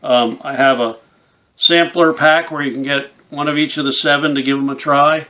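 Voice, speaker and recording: A man's voice: fairly high pitch, fairly even intonation, moderate pace, pushed and bright, poor audio. A man in his fifties giving a casual, plain-spoken hands-on tutorial, explaining things step by step in an informal way. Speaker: instructor, game call maker. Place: small indoor room with camouflage backdrop.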